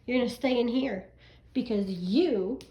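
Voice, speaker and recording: A woman's voice: on the high side, measured pace, mellow. A woman chatting casually to her dogs at home, in a cooing, sing-song way with teasing scolding. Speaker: dog owner. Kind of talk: playful pet talk, casual chat to dogs. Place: indoors at home. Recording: echoey room, faint background noise.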